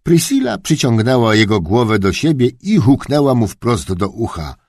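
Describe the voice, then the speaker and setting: A man giving an expressive, wry storybook narration as an audiobook narrator. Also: mid-range voice, moderate pace, dry recording, clean studio sound.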